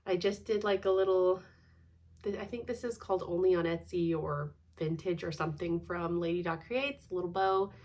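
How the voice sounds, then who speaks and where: A woman in her thirties, her nose congested and stuffed-up, chats casually at home about her cross-stitch, rambling and laughing often. Her voice is lowish and a little mellow, with a steady tone at normal speed.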